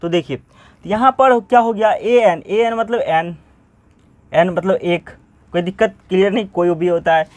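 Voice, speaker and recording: High-voiced man teaching pronunciation. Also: dry recording. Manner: repeats questions and answers them himself; spells words out slowly letter by letter. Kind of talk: Hindi classroom-style lesson.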